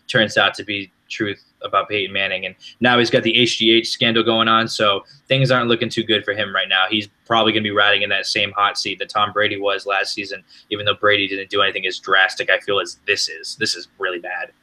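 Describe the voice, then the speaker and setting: A young man co-hosting a podcast, talking in an animated, rambling way with frequent restarts. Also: on the low side, fast talker, few pauses. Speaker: podcast co-host. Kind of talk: casual chat.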